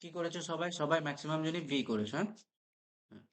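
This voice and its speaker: Man, Bengali accent, grammar teacher running a live class, spells out words, voice a bit high. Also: expressive, quick pace, fairly bright tone, a little hiss or hum. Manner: checks in with students often, spells words letter by letter. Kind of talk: live online class lecture.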